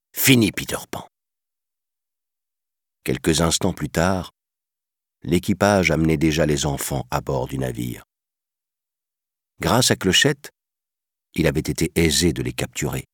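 Storybook narrator: a man with a very deep, husky voice, slow and lively in tone, dry sound. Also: no room sound. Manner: expressive, measured storytelling. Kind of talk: storybook reading.

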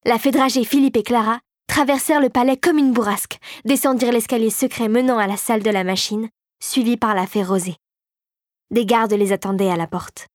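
A woman narrating a fantasy audiobook, her voice on the higher side and delivered steadily and expressively. The sound is close and dry, with no room echo at all. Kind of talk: scripted narration.

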